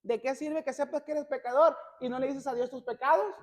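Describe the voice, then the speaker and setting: A male pastor preaching a sermon, constantly addressing the congregation as brothers and building to loud, emphatic passages. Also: very high voice, steady tone, brisk. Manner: peppers every phrase with "hermanos".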